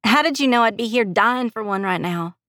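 A woman narrator voices a young nurse in an audiobook, caring and steely beneath her tiredness, lifting her pitch above a low narrating register in a dry, close recording with no room sound. Here she sounds tired yet upbeat, animated, fairly quick, and a bit bright.

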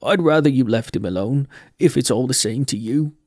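A man's voice: medium pitch, moderate pace, darkish tone, dry recording, clean studio sound, lightly acted. A man voicing Mort, a polite, nervous teenage boy who speaks earnestly and with some hesitation.

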